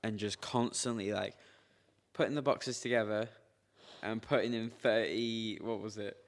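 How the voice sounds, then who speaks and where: A man's voice: lowish voice, fairly even intonation, a little slow. A young man rambling through a casual podcast story, full of fillers and slang. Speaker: podcast co-host. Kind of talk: casual chat.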